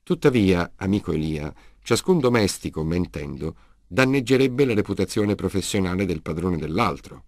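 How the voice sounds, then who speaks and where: A man voicing a polite, logical humanoid male robot in an audiobook, speaking in a measured, reasoning way. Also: deep voice, animated, dry recording, studio quality. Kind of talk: audiobook character reading.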